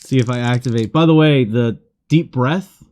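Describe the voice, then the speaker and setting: A man's voice: mid-range voice, moderate pace, darkish tone. A man playing a tabletop role-play game, casually talking through rules and tactics.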